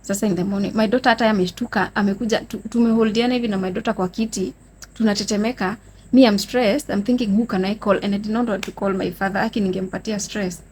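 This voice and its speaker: A woman's voice: mid-range voice, fast, slight background noise. A young Kenyan woman with a Kenyan accent, telling a dramatic personal story to her viewers in a casual vlog. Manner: animated, dramatic storytelling addressing viewers as guys. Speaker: vlogger. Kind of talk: storytime vlog, mixing Swahili and English.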